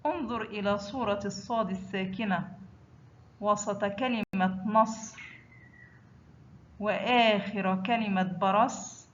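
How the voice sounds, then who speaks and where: Slow, deliberate woman teaching pronunciation. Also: medium pitch, fairly even intonation, muffled recording. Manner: says each sound twice, slow and stressed. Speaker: Arabic teacher. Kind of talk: slow, drilled pronunciation lesson.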